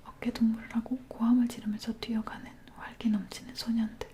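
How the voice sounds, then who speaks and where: A woman leaning in close to the ear microphone, reading a dark story aloud in a breathy, hushed ASMR whisper. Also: on the high side, little pitch movement, brisk.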